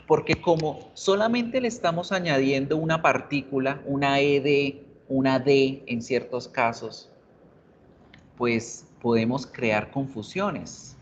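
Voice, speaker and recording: Slow-talking male teacher on a muffled class recording. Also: medium pitch, steady tone. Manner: explains grammar in Spanish, repeats English examples slowly; calls students "chicos", jokes in class. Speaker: English teacher. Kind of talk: online class lecture. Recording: muffled video-class audio, faint hiss.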